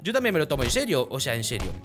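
Young-sounding gaming YouTuber, hot-tempered, swears a lot, very animated delivery, music loud in the mix. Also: male voice, mid-range voice. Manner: excitable, talks to himself, swears, quick flips between loud outbursts and mutters. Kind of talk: live gameplay commentary. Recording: game music playing loud behind the voice.

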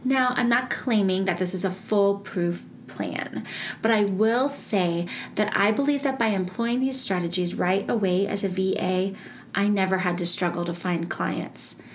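In this casual solo podcast, a woman hosts her own show, chatting with listeners in a bubbly way and laughing often. Her voice is medium in pitch and a little slow, with a faint hiss or hum in the background.

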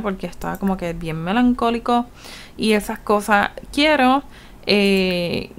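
A woman with a Puerto Rican Spanish accent giving casual, chatty gameplay commentary, laughing often and voicing her game characters. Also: medium pitch. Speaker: gaming YouTuber.

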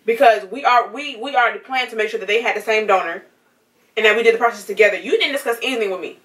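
A woman's voice: on the high side, fast, a bit bright. A woman arguing heatedly with her partner, blunt and angry, repeating herself and threatening. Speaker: vlogger, prank target. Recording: distant mic with faint noise.

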